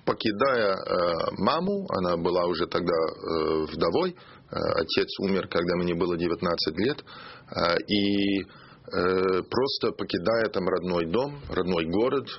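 An Australian ambassador appearing as a studio guest answers interview questions in a second language, hesitant and pausing to find words. His low voice is husky with lively intonation, and the radio studio recording sounds muffled.

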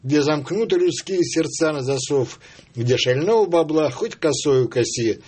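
A man reciting his own comic poem on air in a measured, mock-solemn way. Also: fairly high pitch, animated, a little mellow, a little hiss or hum. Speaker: poet guest.

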